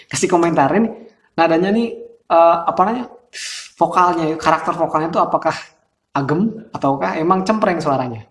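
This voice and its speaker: A man's voice: fairly high pitch, moderate pace, pauses often. A male host, talking casually and chattily about vocal character with frequent laughs and fillers. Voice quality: describes his voice as thin and reedy. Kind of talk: casual explanatory talk. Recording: roomy echo.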